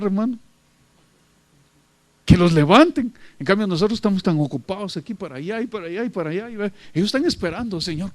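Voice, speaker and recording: A man's voice: high-pitched, no echo. A man preaching a sermon, emphatic and repetitive, often addressing his listeners as brother.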